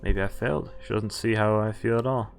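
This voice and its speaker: With a gravelly, low-leaning voice, a steady tone and a fairly quick pace, a man reads aloud from a visual novel he's streaming. He occasionally stumbles on words and rereads them, and game music runs behind him.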